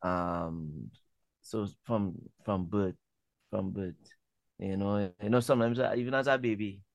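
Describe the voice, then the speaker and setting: A man being interviewed as a music artist, talking in a relaxed way and often repeating words as he thinks. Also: lowish voice, a little slow, gravelly, dry recording, muffled recording. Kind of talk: casual interview talk.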